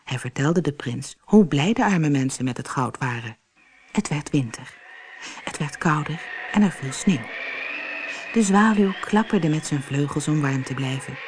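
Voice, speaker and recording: A woman reading a fairy tale aloud for an audiobook in a calm, clear storytelling manner. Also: low voice, measured pace, background noise. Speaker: narrator. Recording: faint music behind the voice.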